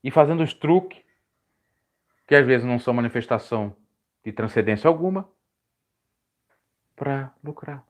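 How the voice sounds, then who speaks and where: A man preaching casually on a live stream, rambling and correcting himself, his voice jumping high when he stresses a point. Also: expressive, normal speed, long pauses. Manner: rambling, self-correcting, pitch swings high when emphatic.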